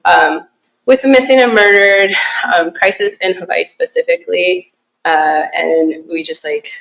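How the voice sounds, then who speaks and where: A young woman from Alaska giving a casual presentation to a small group, relaxed and chatty with many fillers and easy laughs. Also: fairly low pitch, measured pace, creaky, poor audio. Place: small conference room.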